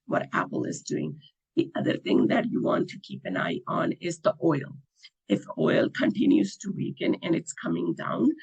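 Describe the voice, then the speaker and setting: A hoarse man losing his voice, hosting a halting market analysis with frequent ums. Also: on the high side, darkish tone, rough recording. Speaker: trading channel host.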